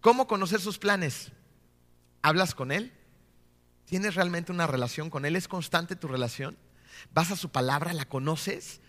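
A man in his thirties preaches with a bright, ringing voice pitched a little high, firing off rhetorical questions and often tagging them with a quick "no?". He slows down hard on the key points. His voice trails off in the long reverb of a big hall. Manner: rhetorical questions with frequent tag "¿no?". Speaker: pastor. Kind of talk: sermon.

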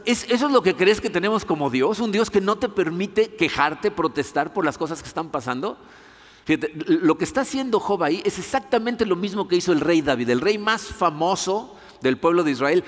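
A man's voice: a little high, lively intonation, normal speed. A man preaching a sermon as a pastor, conversational and often asking his listeners rhetorical questions. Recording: long hall reverb.

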